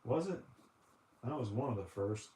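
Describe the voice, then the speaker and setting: A man's voice: mid-range voice, lively intonation, normal speed, warm tone, echoey room. A man from the United States in a casual live-stream chat, rambling and joking, often saying "dude" while he cleans consoles. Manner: rambling, jokey, says "dude" a lot.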